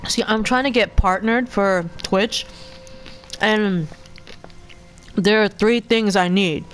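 A woman streaming a video game, rambling casually between gameplay and swearing freely. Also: mid-range voice. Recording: voice over game music.

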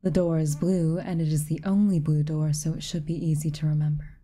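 A woman voices an aloof, stern witch for an intimate ASMR roleplay: reclusive, haughty, and tsundere, secretly kind under the severity. Her very dark, low voice stays level and brisk, giving clipped, commanding lines that occasionally drift into a breathy near-whisper.

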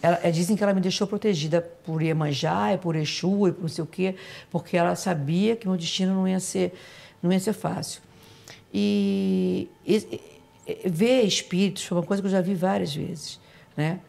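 Woman guest telling her own story, somewhat low-pitched, emotional, stops and repeats herself. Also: fairly even intonation, vocal fry, dark tone. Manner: emotional, halting, repeats phrases. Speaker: interview guest. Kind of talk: personal storytelling in an interview.

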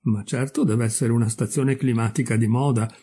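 A pompous firework rocket from a fairy tale, voiced by a man, all self-importance and wounded dignity. The voice is mellow and dark with a faint husk, lofty and self-pitying as it speaks. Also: medium pitch, steady tone, normal speed, slightly rough. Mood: haughty.

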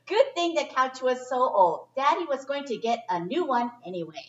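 A woman with a high-pitched, expressive voice reads a picture book to children at a moderate pace in a library's indoor children's area, chatting in simple phrases and adding informal asides. A distant camera microphone picks her up in an echoey room, so the sound is muffled and far away.

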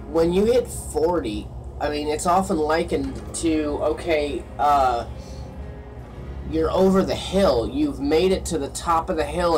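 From inside a small gas station kiosk, a man in his late thirties records a casual solo vlog on a phone held close at arm's length, wandering through his thoughts as he talks to viewers. The fairly high-pitched voice sounds distant from the mic, and the audio is rough.

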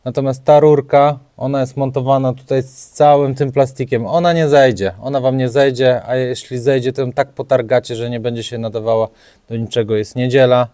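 Fairly quick and steady, the young mechanic vlogger has a warm, medium-pitched voice. Working on an engine in his open home garage with rain outside, he gives casual how-to commentary in a chatty, frank, self-deprecating way.

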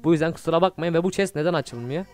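Fast-talking excitable young man gaming. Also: on the high side. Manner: excitable, frustrated, swears often. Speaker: gaming YouTuber. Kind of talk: Minecraft gameplay commentary.

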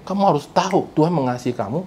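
A pastor preaching a sermon to a congregation, mixing Indonesian with English phrases and often calling for responses from the listeners. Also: male voice, rapid-fire, crowd noise. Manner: keeps prompting the congregation for responses; animated and emphatic, with big pitch swings. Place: church service before a congregation.

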